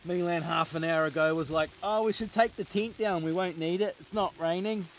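In a rough recording with a bit of hiss or hum, a high-voiced New Zealander in his forties talks a little fast while fishing from a small boat. Holding the camera at arm's length, he vlogs cheerfully and casually, often breaking into laughter.

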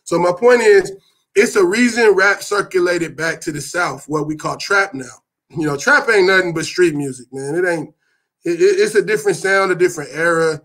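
A middle-aged man with an Oakland accent giving a loose, slangy hip hop lecture, with sudden loud bursts. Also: sits high, normal speed. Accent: Oakland, California. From Oakland, California. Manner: loose and conversational, with slang and swearing. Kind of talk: casual lecture.

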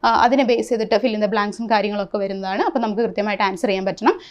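A woman's voice: medium pitch, fast talker. A woman teacher with a Malayali accent explaining an exam syllabus, often asking rhetorical questions as she goes.

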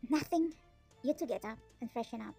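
A bossy, short-tempered young mafia man scolds in a fan-made audio story, as a woman reader puts him on. The voice is gravelly and a little husky, sitting a touch high. Faint music plays behind. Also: expressive, a little fast, warm tone, full character voice. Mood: scolding.

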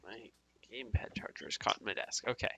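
A man's voice: lowish voice, steady tone, quick pace, pushed and bright. A man hosting a gaming channel, talking through gameplay in casual, rambling commentary with many hesitations and fillers.

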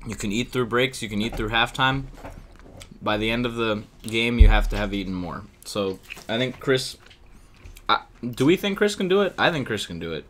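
A man's voice: mid-range voice, animated, moderate pace, a bit bright, a little hiss or hum. A man hosting a casual podcast, chatting with rambling fillers while he eats. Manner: rambling, filler-heavy, jokey. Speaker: podcast host. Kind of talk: casual chat while eating.

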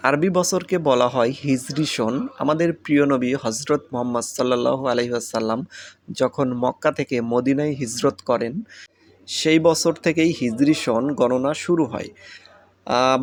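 A man with a Bangladeshi Bengali accent gives a casual spoken lesson. His voice sits at an ordinary middle pitch. He says each term several times so listeners can memorize it. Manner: repeats each word slowly for learners. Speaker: language teacher.

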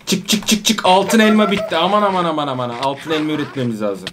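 A man hosting a gaming channel, giving excitable let's-play commentary with loud exclamations and repeated words, playfully scolding the enemies. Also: a little high, quick pace, background noise.

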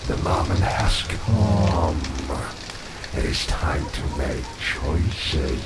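A man voicing a possessed, demonic evil spirit in a horror game, taunting with slow, halting menace. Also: low-pitched, lively intonation, heavy background noise, full character voice. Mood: menacing. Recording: echoing voice under loud music.

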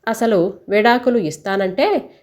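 A woman's voice: mid-range voice, measured pace, darkish tone, natural voice. A woman reading a story aloud and voicing a domineering, suspicious older mother-in-law who scolds harshly. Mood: angry.

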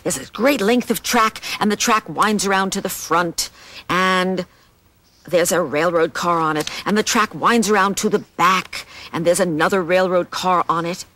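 A woman hosting a children's TV show, presenting crafts and tricks in an animated, bouncy way and talking straight to the children. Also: lowish voice, normal speed. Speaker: children's TV host.

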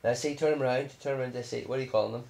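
A man's voice: medium pitch, fairly even intonation, racing, gravelly. A man chatting casually and playfully while co-hosting a mobile game video with his child. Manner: chatty and playful, cheering loudly. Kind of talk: casual chat.

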